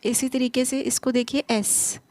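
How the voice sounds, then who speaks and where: Slightly high-voiced woman teaching grammar. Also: a little mellow, no echo. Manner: asks rhetorical questions and answers them herself; reads English examples slowly and deliberately. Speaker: English teacher. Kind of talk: explaining grammar in a lesson.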